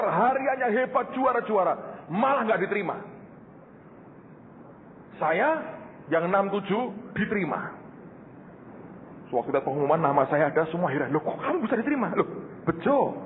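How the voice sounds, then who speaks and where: An older Indonesian pastor preaches a sermon to his congregation, telling stories with jokes and frequently addressing them as "saudara." His high voice has lively intonation at normal speed with long pauses, captured in a reverberant hall through a phone-like channel.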